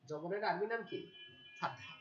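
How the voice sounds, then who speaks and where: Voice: mid-range voice, lively intonation, moderate pace, a bit bright. A teacher giving a Quran reading lesson, patiently repeating each sound and checking that the learners say it back. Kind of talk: Quran reading lesson with call-and-response drills. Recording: dull lo-fi recording.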